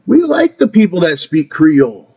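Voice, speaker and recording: A man's voice: a little high, wildly swooping pitch, moderate pace, dull audio, slight background noise. A man talking in a rambling casual monologue, trailing off and restarting, swearing casually. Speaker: vlogger.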